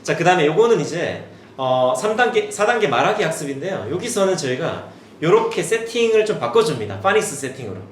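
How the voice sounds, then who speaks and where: A man in his forties presents to parents in a seminar hall, his slightly high voice rising and falling with animated emphasis. He demonstrates drills as though coaching children. The sound carries a roomy echo with faint background noise. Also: fairly quick. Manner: demonstrative, switches into a lively teacher voice for children. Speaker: education director presenting to parents.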